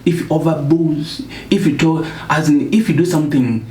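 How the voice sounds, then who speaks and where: A man's voice: a little high, moderate pace, darkish tone. A man from Uganda, a guest in a motivational discussion, speaking earnestly and stacking up points for emphasis. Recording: echoey room, distant mic, faint noise.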